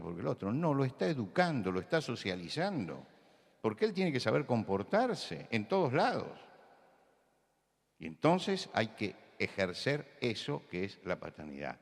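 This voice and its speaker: Older male pastor, Rioplatense accent, low voice, storytelling sermon, long hall reverb. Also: sing-song, unhurried, creaky. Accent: Rioplatense Spanish. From Buenos Aires, Argentina. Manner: storytelling, conversational, rising to emphatic. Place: large church hall.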